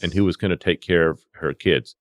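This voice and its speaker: A man with a deep voice and slightly quick delivery tells animated stories from his job as a paramedic and CPR instructor, acting out the exchanges in quoted dialogue.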